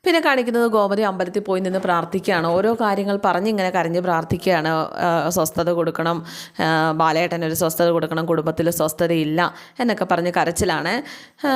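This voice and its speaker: A woman casually recapping a TV serial episode, with drawn-out fillers and quick bits of acted-out dialogue. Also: lowish voice. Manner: chatty retelling, frequent drawn-out fillers, acts out quoted lines. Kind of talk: casual spoken story recap.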